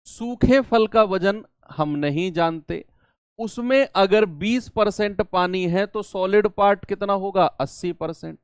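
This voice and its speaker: A man's voice: high voice, slow, clean tone, no echo, studio quality. A man teaching a math lesson, explaining problems step by step and asking his students questions as he goes.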